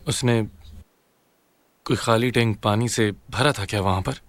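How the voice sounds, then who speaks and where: A man dubbing a calm, protective young man. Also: fairly low pitch, measured pace, no echo, close to an everyday voice. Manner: calm, earnest, reassuring. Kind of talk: dubbed TV drama. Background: faint music.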